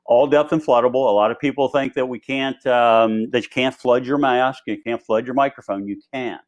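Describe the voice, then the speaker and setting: On dull audio, a man's mid-range voice holds a steady tone at a moderate pace. He's an instructor showing off diving equipment on live video, rambling through an informal, chatty tutorial.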